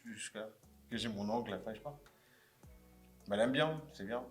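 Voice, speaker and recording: A man who works as a pastry chef, chatting as a guest on a podcast and often breaking into loud, laughing emphasis. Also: on the low side, normal speed, faint music behind. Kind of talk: casual chat.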